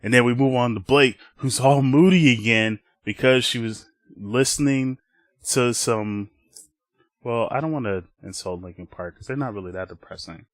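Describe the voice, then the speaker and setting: A man's voice: mid-range voice, normal speed, no echo. A young man co-hosting a podcast, casually rambling through an episode recap and acting out characters' lines in playful voices. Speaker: podcast co-host.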